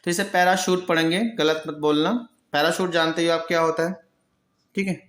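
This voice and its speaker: A man teaching pronunciation with a slightly high voice. He asks his students a question, answers it himself, and says each word again slowly. The room around him is echoey. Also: steady tone, a bit bright. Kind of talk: Hindi-language vocabulary lesson.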